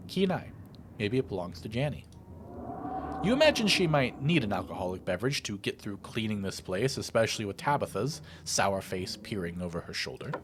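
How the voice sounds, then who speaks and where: Here a man with a fairly low voice talks fairly quickly over background noise. He's a let's play host working through a video game, giving the text an expressive, dramatic reading and mixing in offhand commentary.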